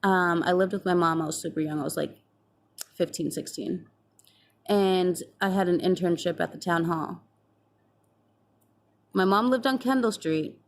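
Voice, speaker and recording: Woman, twenties, slightly low voice, casual vlog storytelling, chatty, acts out conversations, swears freely. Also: measured pace, long pauses. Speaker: vlogger.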